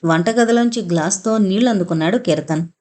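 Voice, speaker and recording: A woman reading a horror thriller audio novel aloud, in a steady, dramatic storytelling manner. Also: mid-range voice, quick pace. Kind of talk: scripted horror narration.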